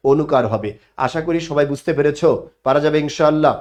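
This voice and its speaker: A man with a slightly high, somewhat mellow voice teaches an online class at a quick pace. He explains grammar, posing questions and answering them himself.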